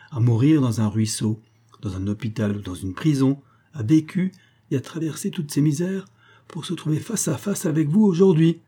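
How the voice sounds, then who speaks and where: A desperate young man cornered by his past, as a man reads him, intense and accusing, pressing each point with urgency. The tone is dark and a little husky. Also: lowish voice.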